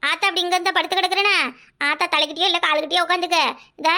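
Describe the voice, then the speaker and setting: Speaking rapid-fire in an extremely high, steady, bright voice, this cartoon character sounds forceful and exaggerated. It's comic voice acting of a scheming, bossy older village mother, delivered with a Kanyakumari Tamil accent in a coaxing, theatrical way.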